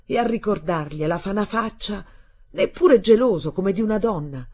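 A woman voicing a sardonic, scornful young man who drawls slowly and mockingly in a reading of a novel. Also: mid-range voice, expressive, warm tone, voice pushed up, lightly acted. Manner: slow, mocking, bored drawl.

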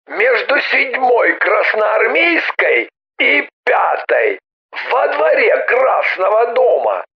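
A menacing anonymous caller, his voice distorted into a dry, scraping metallic rasp with a gravelly edge. He talks extremely slowly and sits fairly high, sliding up and down as he threatens. The sound is dull and lo-fi, as if heard through a phone line. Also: exaggerated voice. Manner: slow, threatening, repeats the same message. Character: menacing anonymous male caller, cold and cruel. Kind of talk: audiobook drama.

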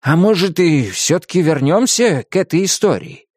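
Man voicing a shy boy, hesitant, slightly high voice, audiobook. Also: animated, normal speed, a little mellow, breathy edge, no echo, studio quality. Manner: hesitant, stumbling.

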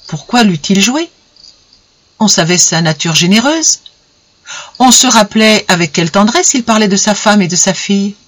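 A reader narrating a classic short story in a measured, expressive way. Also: medium pitch. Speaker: audiobook reader. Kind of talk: literary narration.

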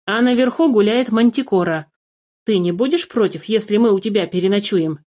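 A woman's voice: mid-range voice, moderate pace, mellow, close to an everyday voice. A woman voicing a bold boy changeling who speaks bluntly and wryly, in a storybook reading.

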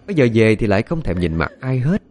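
A man narrating a ghost story in an expressive, dramatic way. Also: mid-range voice, fast.

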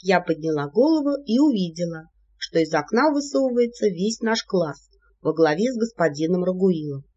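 An audiobook narrator tells a fantasy story with playful, lively storytelling and a pitch that jumps around. The voice is husky. The recording sounds dull and lo-fi. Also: moderate pace.

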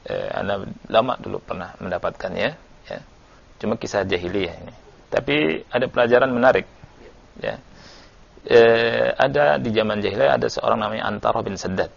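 A man teaches a religious study session in a conversational, storytelling way, often adding tag questions and fillers. His voice is low, gravelly and husky. The recording is dull and lo-fi. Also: animated, normal speed.

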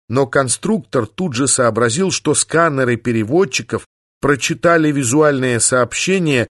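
Measured male audiobook narrator. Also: mid-range voice, no room sound, clean studio sound. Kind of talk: scripted narration.

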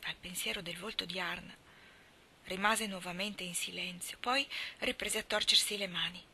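Bright-voiced woman reading a story aloud. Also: on the low side, normal speed, slight background noise. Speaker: reader.

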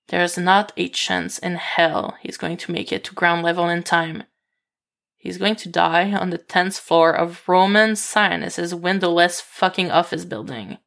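A woman reading fan fiction aloud as steady, even narration. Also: on the low side, vocal fry. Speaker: reader.

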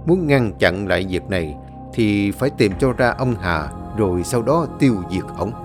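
A stern old grandfather, played by a male reader, lower and graver than the narration and firmly commanding. His voice still swings widely as he explains, and calm new-age music plays clearly underneath. It sounds like a horror audiobook. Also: moderate pace, natural voice. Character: stern old grandfather, ghost-fighting sage.

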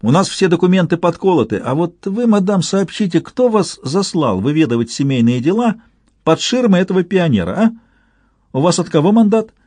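A man's voice: high voice, very animated, moderate pace, darkish tone, dry recording, pitched above the performer's own voice. A man voicing a sly, wary middle-aged peasant husband with rustic, mock-sweet speech. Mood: sugary, defiant.

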